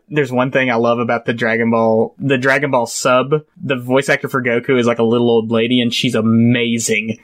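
A young man co-hosting a casual podcast, animated and chatty, laughing often and leaning on filler words. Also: medium pitch. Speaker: podcast co-host.

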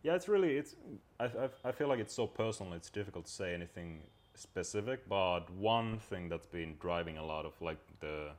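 A man from Finland, a guest talking reflectively and pausing to search for words. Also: low-pitched, animated. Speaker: podcast guest. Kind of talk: casual conversation.

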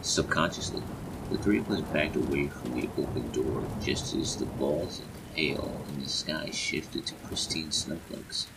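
A man narrating a horror story in a measured storytelling manner. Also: rumbling low, noisy background.

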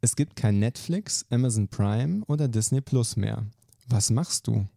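Gravelly-voiced male podcast host. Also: medium pitch, no room sound, clean studio sound. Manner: brisk, lively questioning. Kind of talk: quick-fire question interview.

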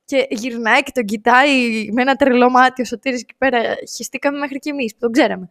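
High-voiced woman telling a story. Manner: animated storytelling, acting out quoted lines. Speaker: guest. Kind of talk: casual podcast chat.

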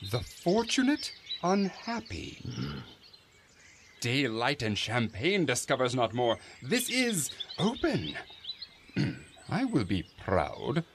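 A man's voice: medium pitch, background noise. A man playing a pompous, vain steward. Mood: reading smugly. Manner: preening, savoring each word, theatrical swoops. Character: pompous self-deluded male steward, middle-aged. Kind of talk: amateur reading of a classic stage play.

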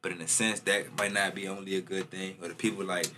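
A man's voice: low-pitched, little pitch movement, quick pace, a crowd in the background. A man chatting casually and emphatically in slangy frat-bro banter, repeating himself for emphasis and swearing freely. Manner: emphatic, repeats phrases to make a point. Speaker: podcast co-host.

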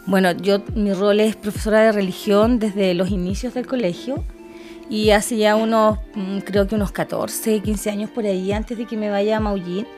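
Unhurried woman in her fifties. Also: medium pitch, fairly even intonation, darkish tone, faint music behind. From Chile. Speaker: religion teacher, guest. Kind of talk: casual podcast interview.

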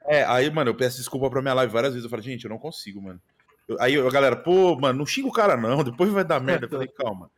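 A man's voice: mid-range voice, rapid-fire. A man with a Brazilian accent, a streamer guest chatting casually and slangily about his streams. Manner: slangy, animated, repeats mano and velho. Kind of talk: casual podcast chat.

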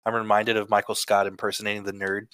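A man's voice: fairly low pitch, monotone, quick pace, sharp tone, clear, resonant tone, no room sound. A man co-hosting a casual sports podcast, joking and teasing the others. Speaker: podcast co-host.

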